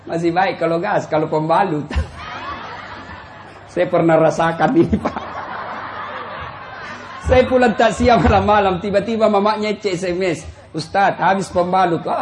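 Male preacher with a high voice, lively and joking, acts out quotes, faint noise behind. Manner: animated, acts out quotes with big pitch jumps; jokes, addresses listeners directly. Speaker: Islamic preacher. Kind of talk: humorous sermon to a live audience.

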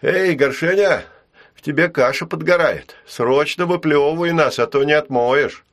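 A man voicing a bold, stubborn young boy who pleads and shouts with urgency. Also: medium pitch, measured pace, pitched above the performer's own voice. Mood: urgent, pleading.

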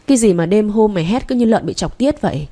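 A woman reading aloud voices a gruff older mother-in-law who scolds curtly. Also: medium pitch, animated, fast, dark tone, natural voice. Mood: scolding. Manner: scolding, curt.

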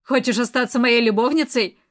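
A woman reading an audiobook, voicing a domineering, murderous militia colonel who speaks loudly and slowly in threats. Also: on the high side, close to an everyday voice. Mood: cold, domineering. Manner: loud, slow, threatening and mocking.

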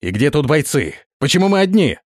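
A man's voice: on the high side, very animated, fairly quick, no room sound, studio quality, pitched above the performer's own voice. A man voicing a petulant, panicky prince who squeals and whines his commands. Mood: panicky, shrill. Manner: squealing, whiny, bossy outbursts. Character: panicky, shrill, petulant male prince, middle-aged.

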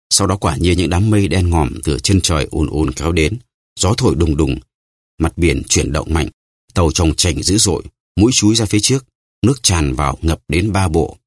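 A man narrating an audiobook in a steady, even storytelling manner. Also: low voice, breathy edge, no room sound, clean studio sound.

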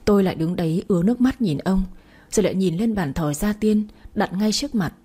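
Dark, husky woman reading a story. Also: medium pitch, fairly quick. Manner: sorrowful, emotional reading. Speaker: audiobook narrator. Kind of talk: first-person storybook narration.

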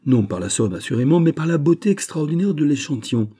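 A man's voice: a little high, fast talker, breathy edge, pitched above the performer's own voice. A man playing a gushing, garrulous bank sub-director. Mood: effusive. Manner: gushing, emphatic, flattering. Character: effusive, garrulous middle-aged male bank sub-director.

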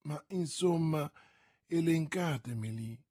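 A man's voice: fairly high pitch, slow pace, dark tone, slightly rough. A man voicing an anxious, thrifty middle-aged wife in an audiobook reading, hesitant and speaking with a faint voice.

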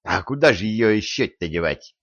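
A man's voice: fairly low pitch, animated, moderate pace, fairly bright tone, no room sound. A man voicing an arrogant, quarrelsome teenage boy in an audiobook, speaking haughtily and sharply. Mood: haughty. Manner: haughty, quarrelsome, raising his voice. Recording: dull lo-fi recording.

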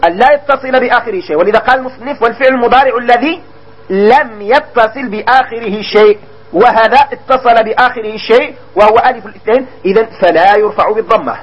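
A man with a Moroccan Arabic accent teaching a grammar lesson, quizzing his listeners and drawing example words out slowly. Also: very high-pitched, breathy edge, highs cut off.

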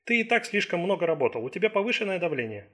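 A man's voice: sits high, very animated, racing, fairly bright tone, pitched above the performer's own voice, full character voice. A man voicing a patient but unyielding male caretaker in an audiobook thriller. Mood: firm. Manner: firm, unyielding.

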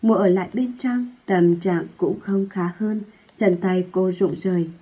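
A woman narrating a story in a steady, even reading manner, with a husky voice. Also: medium pitch, a little slow. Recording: tinny phone-like lo-fi sound.

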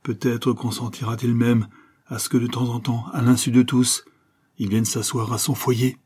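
A man's voice: mid-range voice, little pitch movement, moderate pace, darkish tone, close to an everyday voice. A man reading a grieving old ex-convict miller, pleading with his son in a muffled, breathless voice. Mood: tender grief. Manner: hoarse, breathless, emotional pleading.

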